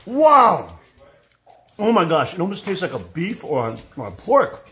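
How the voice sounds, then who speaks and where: Excited male vlog host, exuberant cooking commentary, slightly high voice, noisy outdoor take. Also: fairly quick. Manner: exuberant, keeps whooping and exclaiming. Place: outdoors by a frying pot.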